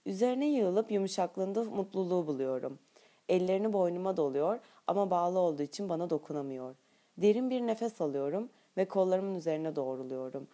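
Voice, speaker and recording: Audiobook narrator, female, warm lowish tone, steady intimate delivery. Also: a little fast. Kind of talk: audiobook narration, first person.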